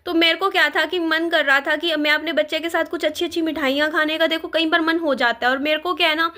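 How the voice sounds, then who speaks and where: A woman's voice: very high-pitched, fairly even intonation, fast, bright, forceful tone. A woman, telling an indignant storytime vlog with many fillers. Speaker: vlogger.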